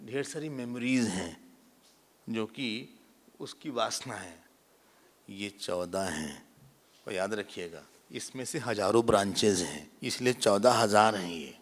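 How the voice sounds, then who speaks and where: A man, a swami, giving a lively spiritual discourse with jokes, mimicking everyday people. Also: fairly low pitch, slow pace. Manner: animated, mimics everyday people, mixes English words. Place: large hall at a retreat. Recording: long hall reverb.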